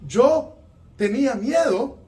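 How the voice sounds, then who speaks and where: A man's voice: extremely high pitch, expressive, slow, dark tone, voice pushed up, full character voice. A preacher voicing a frightened male servant who pleads and makes excuses. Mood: pleading.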